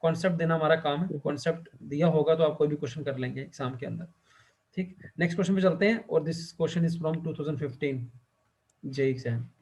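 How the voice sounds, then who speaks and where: A male teacher lecturing a class, who keeps asking the students questions and fills his pauses with the same short check-in phrase. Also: fairly high pitch, darkish tone. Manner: quizzes students and fills pauses with "theek hai".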